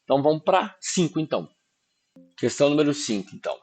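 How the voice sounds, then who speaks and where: A man teaching an online exam-prep lesson, informal, often checking in with quick tag questions and sounding out words syllable by syllable. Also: fairly high pitch, lively intonation, darkish tone, husky. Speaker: Portuguese teacher.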